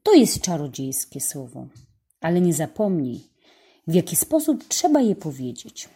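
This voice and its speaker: A woman reading a storybook, voicing a kind bearded old man who gently explains a secret. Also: low voice, big pitch swings, unhurried, slightly rough, full character voice. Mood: hushed instructive.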